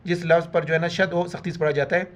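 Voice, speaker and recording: A man teaching Quran recitation, chanting words letter by letter in slow drawn-out syllables and explaining each rule in quick plain speech. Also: a little high, fairly even intonation, lo-fi sound. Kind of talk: spelled-out recitation lesson.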